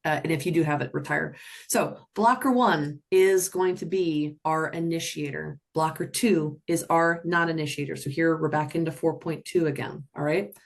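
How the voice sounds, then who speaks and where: A woman with a low-pitched voice runs an online teaching session, her delivery energetic and animated. She breaks into playful character voices to act out the players as she explains. She sounds like she is talking into a computer mic on a video call. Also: normal speed, vocal fry. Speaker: roller derby officiating instructor. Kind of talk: webinar teaching.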